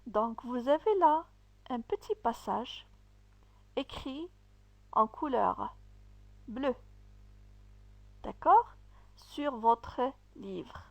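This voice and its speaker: A woman teacher reads to young pupils at a very slow, deliberate pace, sounding out each word. Her voice sits a little high and is recorded close and dry, with no room sound. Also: lively intonation, vocal fry, darkish tone, dry recording. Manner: slow, deliberate syllable-by-syllable reading. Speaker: primary school teacher. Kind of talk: slow reading lesson for children.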